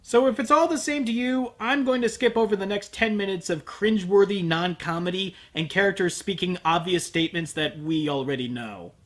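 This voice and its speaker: A man with a high voice hosts an anime review show, delivering a scripted comedic review briskly with hardly any pauses. He sounds sarcastic and exasperated and swears readily.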